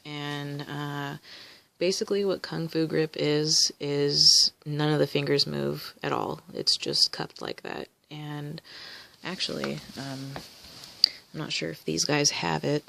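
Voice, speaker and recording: A woman's voice: deep voice, steady tone, takes it slowly, creaky, fairly bright tone. A woman collector casually showing her toys on video, rambling with many ums and restarts. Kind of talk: casual show-and-tell video.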